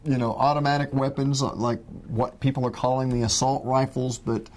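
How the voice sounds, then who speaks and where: A man's voice: medium pitch, little pitch movement, fairly quick, a little mellow, a little hiss or hum. A man co-hosting a casual newspaper news update, folksy and joking as he rambles.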